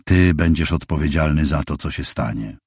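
A man voicing an anxious young wife who speaks quietly and softly, in a low, husky voice. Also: very animated, moderate pace, no room sound, studio quality, exaggerated voice. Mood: quiet, resigned. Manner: quiet, hushed.

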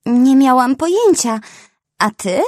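A woman voicing a brave, eager young female rhinoceros who talks high and flustered. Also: lively intonation, slow pace, darkish tone, no room sound, studio quality. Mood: surprised.

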